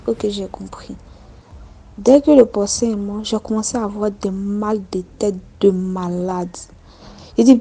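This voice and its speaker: In a recorded voice message, a woman from Côte d'Ivoire tells her own story with an Ivorian French accent, using simple, repeated phrasing. Her medium-pitched voice is gravelly, warm and slightly rough.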